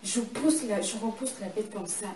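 A woman recounts a personal experience in an animated, conversational way, often restarting her phrases and acting out how she reacted. Her voice sits at an ordinary middle pitch. She was recorded from some distance in a roomy space, with steady noise behind her. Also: normal speed. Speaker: guest sharing a testimony. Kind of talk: conversational storytelling.

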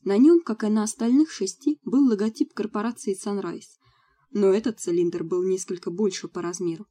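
A woman reading a first-person audiobook in a steady storytelling delivery. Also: mid-range voice, normal speed. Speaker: audiobook narrator.

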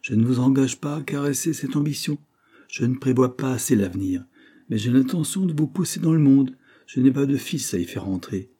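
A man voicing an older, pious, warm-hearted male manufacturer who speaks fervently and moralizes. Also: medium pitch, expressive, brisk, pitched above the performer's own voice, natural voice. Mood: kindly.

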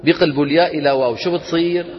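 A man's voice: a little high, steady tone, racing. Levantine man teaching, quizzing his class. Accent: Levantine Arabic. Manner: quizzes students with frequent questions. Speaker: Quran recitation teacher. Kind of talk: classroom lesson. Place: lecture room with students. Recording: dull lo-fi recording in a reverberant hall.

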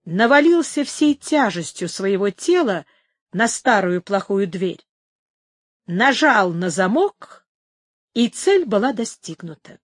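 Slow measured woman narrator. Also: mid-range voice, very animated, dry recording, studio quality. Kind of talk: scripted narration.

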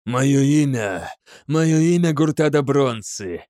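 A man putting on a wounded prisoner with slurred, defiant speech. It is read in an audiobook, and his pitch rises and falls a lot. The recording is dry. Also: lively intonation, slow, a little mellow, no echo.

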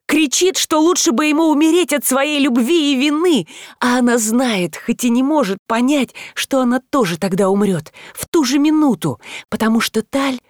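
A woman narrating an audiobook in an expressive, emotional reading. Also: a little high, dry recording. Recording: dry close studio sound.

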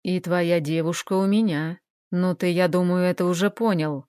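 A woman voicing a menacing, calm middle-aged man who speaks slowly and mockingly. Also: clean tone, dry recording, clean studio sound, lightly acted. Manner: slow, low, sneering.

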